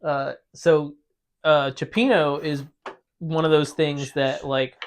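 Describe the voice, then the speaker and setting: Brief: male podcast host, slightly high voice, relaxed, teasing, hesitant with ums. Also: slow pace, slight background noise. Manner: teasing, laid-back, lots of ums. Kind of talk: casual podcast chat.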